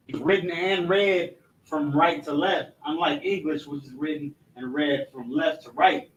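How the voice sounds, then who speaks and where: The recording is muffled, with slight background noise, as the instructor runs a casual, repetitive language class. He shouts out letters with rising pitch and often slips in "you know what I'm saying" with a dropped voice.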